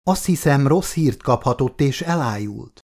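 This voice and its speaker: A man's voice: medium pitch, expressive, darkish tone, voice pushed up. A man voicing a frightened young man in an audiobook, anxious and pleading. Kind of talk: audiobook character voice.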